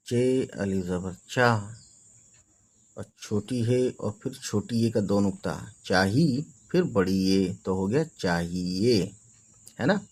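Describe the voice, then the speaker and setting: Man, reading lesson teacher, slow, spells each word out, reassuring, lowish voice. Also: darkish tone. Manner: patient, spells letter by letter with reassurances.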